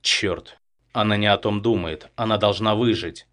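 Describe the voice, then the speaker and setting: Guy reading a thriller audiobook, lowish voice, steady and tense. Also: normal speed. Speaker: audiobook narrator.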